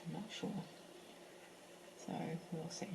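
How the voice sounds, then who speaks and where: Against a noisy background, an art teacher leads a live painting class from her house in a French village. She takes her time, chatting informally as she paints. Her speech wanders aloud, full of fillers and restarts.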